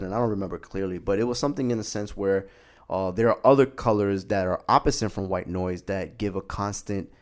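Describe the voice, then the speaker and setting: Man, low-pitched, chatty podcast co-host, rambling, laughs easily. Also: a little mellow. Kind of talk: casual chat.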